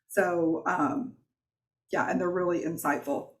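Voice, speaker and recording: A woman's voice: on the low side, steady tone, a little slow. A woman with a Southern accent leading a live online workshop as a wellness coach, chatty and encouraging, with fillers and restarts.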